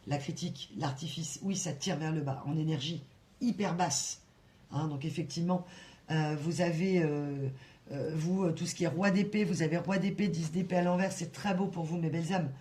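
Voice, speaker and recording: A woman giving a spontaneous tarot reading to her viewers, her voice mellow and warm in tone. She circles back on her words, stumbles over restarts, and presses her points with emphatic little tags. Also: low-pitched, normal speed. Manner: animated, repetitive, with frequent fillers and restarts; breaks into soft sung song lines. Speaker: tarot reader. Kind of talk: casual channeled tarot reading.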